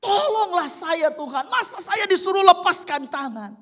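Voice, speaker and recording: A preacher acting out a panicked man hanging from a tree, pleading and shouting to God for rescue. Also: mid-range voice, animated, brisk, lightly acted. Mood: desperate pleading.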